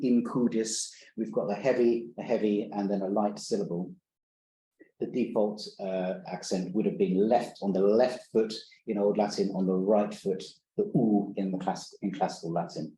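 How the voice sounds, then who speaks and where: A man gives an academic conference talk in a lecture room, his voice lowish and mellow. He speaks hesitantly, with frequent fillers and restarts. The sound is roomy, with faint background noise. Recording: roomy lecture hall recording.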